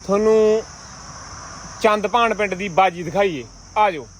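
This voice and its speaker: A man with a Malwai Punjabi accent giving casual vlog commentary outdoors, complaining bluntly in rough village banter and repeating his words. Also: high voice, unhurried. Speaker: vlogger at pigeon-flying contest. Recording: noisy outdoor village ambience.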